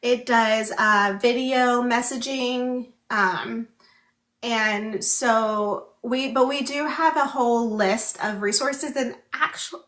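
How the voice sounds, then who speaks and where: Bright-voiced woman signing while speaking, unhurried. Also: on the high side, fairly even intonation. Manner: signing while speaking, with halting, broken-up phrasing. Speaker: book club host and ASL voice interpreter. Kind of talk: casual livestream chat. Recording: echoey room.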